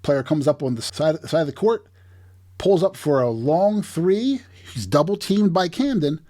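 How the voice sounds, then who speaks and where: A man's voice: on the high side, unhurried. A middle-aged man from New Jersey hosting a sports video, walking through game footage play by play with emphatic, repeated phrases. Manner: animated play-by-play, emphatic restarts. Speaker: host breaking down game footage.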